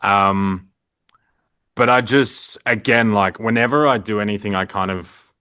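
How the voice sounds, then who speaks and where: Low, bright-toned Australian man. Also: a little slow, smooth, no room sound, clean studio sound. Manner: rambling, filler-heavy, frequent "like". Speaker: print shop owner, guest. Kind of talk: casual interview chat.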